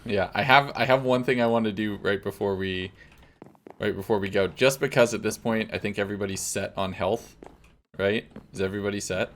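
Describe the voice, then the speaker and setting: A man's voice: on the low side, steady tone, fairly quick, slight background noise. A man hosting a gaming video, mixing narration with casual chat among players.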